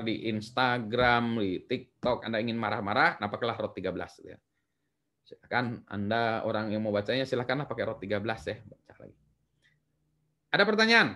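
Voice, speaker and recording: Middle-aged male lecturer, Indonesian accent, relaxed and chatty, many "eh"s and tag questions, medium pitch. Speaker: university lecturer. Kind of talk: recorded lecture.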